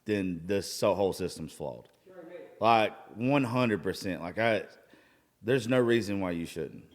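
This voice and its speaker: A hungover man in his thirties hosts a casual podcast chat, rambling, gushing and swearing freely. His fairly low voice has lively intonation and an unhurried pace, recorded in a reverberant room.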